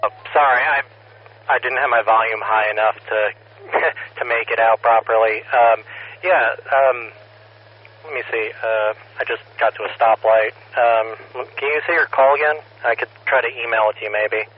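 A man's voice: mid-range voice, steady tone, moderate pace. Man on tinny car radio. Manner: rambling, hesitant, lots of fillers. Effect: tinny radio from a moving car. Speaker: ham radio operator. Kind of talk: casual radio chat. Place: in his car. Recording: tinny phone-like radio with noise.

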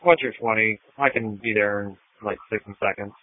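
A man's voice: fairly low pitch, fairly quick, no echo. A man talking over a two-way radio in a casual, offhand way, with some swearing. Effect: heard over a two-way radio. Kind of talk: radio traffic between units. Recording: tinny narrow-band radio transmission.

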